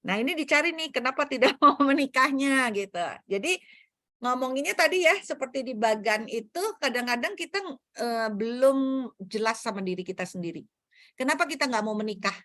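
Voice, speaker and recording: Higher-voiced woman coaching, dry sound. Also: lively intonation, normal speed, bright, forceful tone, no room sound. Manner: explanatory, casual, mixes English terms. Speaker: self-development speaker. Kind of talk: online Q&A talk.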